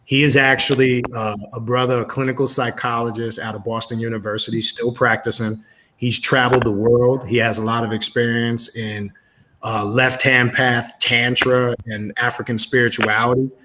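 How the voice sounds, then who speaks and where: Mid-pitched man explaining in measured tones. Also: flat delivery, pushed and bright. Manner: measured, explanatory, frequent "uh" and "um" fillers. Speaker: guest. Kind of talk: casual interview.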